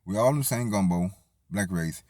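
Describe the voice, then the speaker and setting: A man's voice: deep voice, expressive, moderate pace, darkish tone, dry recording, studio quality. A man from Tennessee, talking in a rambling, profane casual monologue full of restarts. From Tennessee, USA. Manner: rambling, profane, lots of restarts and "you feel me". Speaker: vlogger.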